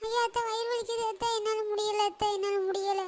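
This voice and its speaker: Young daughter-in-law, cartoon, meek, pleading, very high-pitched. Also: female voice, little pitch movement, fairly quick, noisy background. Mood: crying. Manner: polite, pleading, crying out in pain. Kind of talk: cartoon voice acting.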